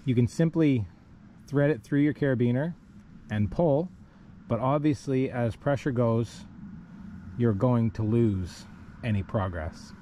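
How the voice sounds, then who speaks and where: A man's voice: medium pitch, measured pace, pauses often, warm tone, a little hiss or hum. Methodical man demonstrating rope rigging outdoors. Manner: plain, methodical, talks while rigging by hand. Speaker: kayak rescue instructor. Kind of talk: step-by-step instructional demo. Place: outdoors on a rocky riverbank. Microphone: wearable camera on body.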